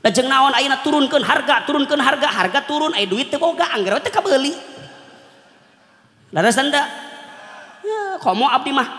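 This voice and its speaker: A middle-aged man with a Sundanese accent giving a humorous village sermon, joking and animated as he acts out villagers' voices. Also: very high-pitched, moderate pace, pauses often, roomy sound, long reverb tail. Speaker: preacher. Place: outdoor village religious gathering.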